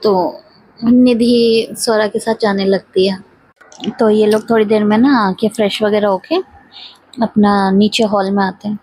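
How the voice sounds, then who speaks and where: A woman's voice: medium pitch, little pitch movement, unhurried, darkish tone, husky, low-quality recording. A woman casually recapping the plot of a series, chatty and loose, linking every line with "so she says". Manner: chatty, strings the story together with repeated "so she says". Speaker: storyteller recapping a web series. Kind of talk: casual spoken story recap.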